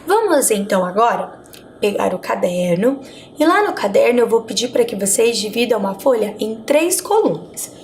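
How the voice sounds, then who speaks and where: A primary school teacher with a Brazilian Portuguese accent gives a video lesson to children, her voice a little high and very animated at a normal pace. She patiently splits words into syllables and checks in with the kids often.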